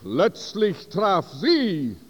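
Very slow, lively-pitched preacher man. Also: in a large hall. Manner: halting, searching for German words. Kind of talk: sermon story.

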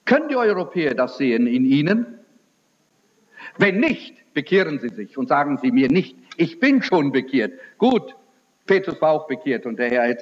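A man preaching a sermon in a loud, forceful voice. He asks impassioned rhetorical questions and builds slowly to emphatic points. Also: fairly high pitch. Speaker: evangelist preacher. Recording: echoey hall, dull lo-fi sound.

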